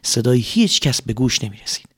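A man telling a story to children, lively with hushed whispered passages and spoken sound effects. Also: mid-range voice, breathy edge.

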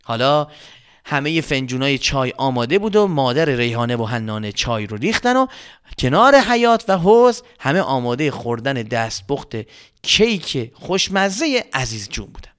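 A man narrating a children's story, animated, with exclamations and dramatic whispers. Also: mid-range voice, clean tone.

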